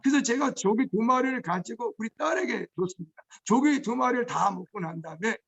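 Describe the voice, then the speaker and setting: A male pastor preaching a testimony sermon, moving between hushed storytelling and shouted outbursts. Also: very high voice, expressive, fairly quick, creaky, husky. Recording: dull lo-fi recording.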